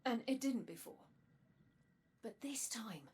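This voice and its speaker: A secretive, husky-voiced stranger. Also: female voice, fairly high pitch, heavily acted. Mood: earnest. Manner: calm, measured, earnest. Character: mysterious machine-bodied woman, guarded and secretive.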